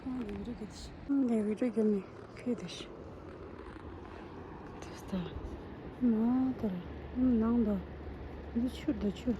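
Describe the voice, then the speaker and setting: A woman's voice: on the high side, steady tone, a little slow, pauses often, background noise. A young woman vlogger chatting casually on a trip outdoors, exclaiming and laughing often. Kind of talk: casual travel vlog chat.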